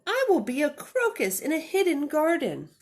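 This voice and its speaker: High bouncy storybook bunny boy, cheeky runaway, mom doing the voice. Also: big pitch swings, moderate pace. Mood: playful. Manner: high, sing-song and bouncy. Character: small runaway boy bunny, defiant and playful.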